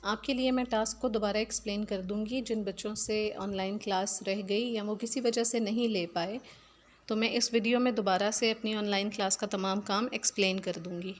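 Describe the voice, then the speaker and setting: A woman English teacher, explaining a lesson slowly and repeating key words. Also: mid-range voice, fairly even intonation, slight background noise. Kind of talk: recorded classroom lesson.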